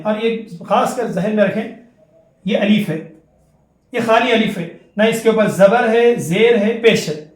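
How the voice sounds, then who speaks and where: A man teaching a tajweed lesson. He repeats each rule and chants the example syllables slowly. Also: high voice, echoey room. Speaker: Quran recitation teacher. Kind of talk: tajweed lesson with slow drawn-out recitation examples.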